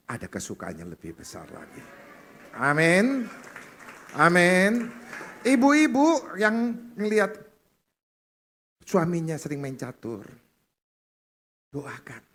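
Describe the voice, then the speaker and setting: A man's voice: mid-range voice, darkish tone, breathy edge. A man preaching in a church service, exhorting the congregation with repeated calls and rhetorical questions. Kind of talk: sermon.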